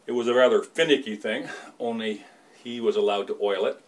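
A Canadian man in his fifties, a lighthouse keeper's son, calmly explaining and reminiscing in a small indoor room. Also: lowish voice. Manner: measured, explanatory. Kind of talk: casual demonstration and reminiscence.

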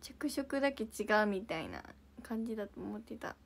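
A woman's voice: a little high, expressive, normal speed, creaky. A young woman chatting casually on a livestream, reading viewer comments and answering in a giggly, bubbly way. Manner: giggly, bubbly, often surprised. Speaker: idol livestream host.

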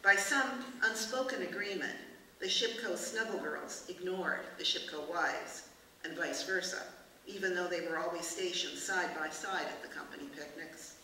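A woman's voice: lowish voice, moderate pace, bright, forceful tone. Woman reading her novel in an echoey hall. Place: book festival reading room. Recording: echoey room from far off, hiss.

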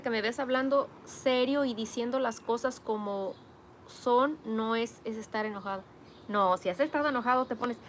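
A woman's voice: on the high side, a bit bright, a little hiss or hum. A woman hosting a casual live stream, reading viewers' comments aloud and teasing them playfully. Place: home garden workspace.

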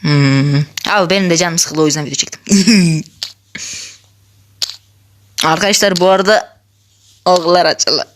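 A woman hosting a gaming channel, giving chatty, excitable gameplay commentary, laughing often and talking straight to her viewers. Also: on the low side, unhurried, pauses often, a little hiss or hum.

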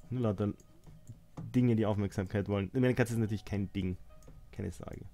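A young man casually commenting on his strategy game, sarcastic and chatty, talking to his units and muttering at distractions. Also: fairly low pitch. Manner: chatty, sarcastic, talks to game units and phone, mixes English swears. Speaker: let's play host.

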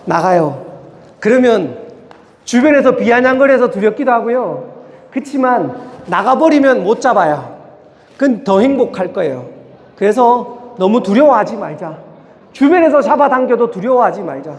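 A man giving a motivational talk at a career concert, animated and firing rhetorical questions at the audience. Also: sits high, normal speed. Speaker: motivational speaker. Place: lecture hall. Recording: hall with long reverb.

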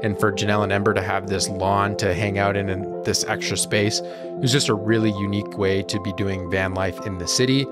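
Vlogger, male, 30s, low voice, relaxed upbeat voice-over, music bed behind. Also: a little fast. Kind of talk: casual voice-over narration.

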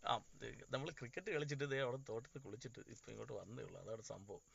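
Gravelly, chatty man on a live stream. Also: medium pitch, rapid-fire, a bit bright, dull audio. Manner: chatty, greets viewers by name, friendly. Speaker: actor hosting a fan live stream. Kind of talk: casual live chat reading comments. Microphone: phone.

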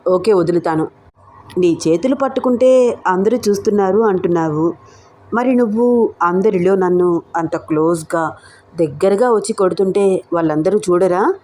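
A woman's voice: fairly low pitch, normal speed, warm tone, slight background noise, close to an everyday voice. A woman voicing a teasing young man in a romantic audio story, speaking playfully.

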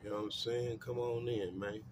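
A man hosting a discussion show, talking casually about scripture and history in a loose, repetitive way that turns loud and emphatic. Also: on the low side, flat delivery, moderate pace, background noise. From United States. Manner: loose and repetitive, urging listeners in with refrains like "come on in, man"; grows loud and emphatic when telling history. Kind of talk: casual religious discussion monologue.

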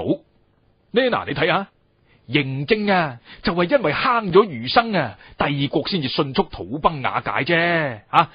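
A man with a Cantonese accent and husky voice tells history as a pingshu storyteller, expressively, drawing out key phrases and adding colloquial asides. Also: on the high side, no echo, dull audio.

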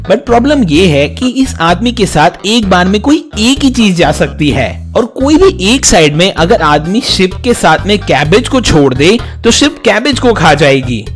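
Male quiz host, casual and chatty, friendly coaxing tone, light music bed. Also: sits high. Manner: chatty, coaxing, calls viewers brother and friend. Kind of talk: casual riddle-quiz narration to viewers.

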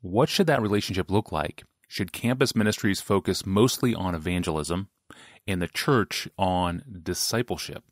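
A man with a very low voice reads a listener's letter aloud as the host. His delivery is smooth and steady. The sound is dry and close. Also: normal speed, dry recording. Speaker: podcast host reading a listener question. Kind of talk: scripted read.

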